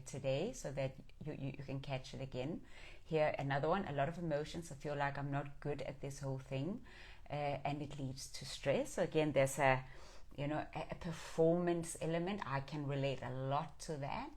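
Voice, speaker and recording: A middle-aged Danish woman with a deep, slightly mellow voice hosts a live stream and talks with her viewers. She reads and answers their comments in a reflective, inspirational talk, sounding earnest and affirming.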